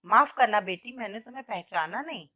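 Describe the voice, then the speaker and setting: Woman playing kindly old male teacher, soft fatherly tone, storybook telling. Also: medium pitch, animated, a little fast. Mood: puzzled, polite. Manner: soft, fatherly, calls her "beti". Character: gentle older male teacher, grey-haired, kindly.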